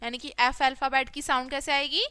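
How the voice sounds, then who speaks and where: A woman's voice: sits high, flat delivery, a little fast, bright, forceful tone. A woman teacher, giving a phonics lesson to young children and repeating each sound as question and answer.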